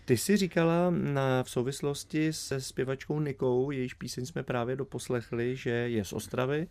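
Male radio presenter, average pitch; hesitant, rambling interviewer. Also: fairly even intonation, darkish tone. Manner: hesitant, drawn-out questions with fillers. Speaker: radio host.

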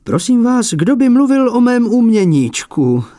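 A petty, touchy old abbot with a high, piping voice that swoops about as he sneers at other painters, put on by a man reading a story. His voice is heard close and dry, with no room around it. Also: big pitch swings, mellow, no room sound. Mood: peevish, mocking. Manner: high, piping and peevish, mocking rivals. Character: old male abbot and icon painter, fussy and jealous.

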